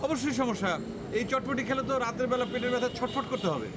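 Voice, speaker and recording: A man's voice: very high-pitched, very noisy. An actor playing a nervous, fussy young man on a date in a comic TV drama. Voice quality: hurried, hesitant.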